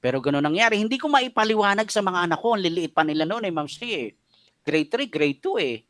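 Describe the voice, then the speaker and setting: A man's voice: high-pitched, expressive, quick pace, a bit bright, no room sound, clean studio sound. A middle-aged man with a Filipino accent preaching a radio sermon, telling a personal story with feeling and mixing Tagalog and English. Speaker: pastor.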